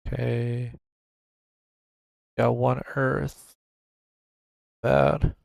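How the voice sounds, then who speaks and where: A man's voice: medium pitch, measured pace, gravelly, no echo. A man streaming a game, casually thinking aloud about his moves at a desk microphone. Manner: relaxed, musing, thinking aloud. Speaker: gaming streamer. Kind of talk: casual gameplay commentary.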